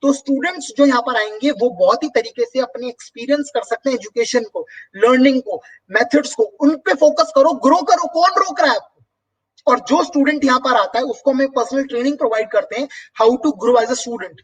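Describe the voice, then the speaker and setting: A man's voice: very high voice, a little fast, few pauses, slightly rough, distant mic, poor audio. A man hosting a motivational business talk and answering viewer comments, speaking emphatically with rhetorical questions.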